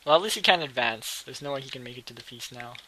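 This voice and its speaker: A young man giving excitable gameplay commentary, muttering one moment and yelling the next. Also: mid-range voice, fast, slight background noise. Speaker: gaming video creator. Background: keyboard and mouse clicks.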